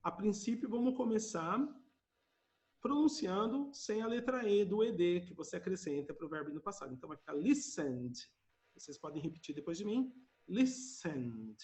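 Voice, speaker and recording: High-voiced Brazilian man teaching online. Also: expressive, moderate pace, darkish tone. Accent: Brazilian Portuguese. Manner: patient, repeats words for students to echo. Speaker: English teacher. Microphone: video call.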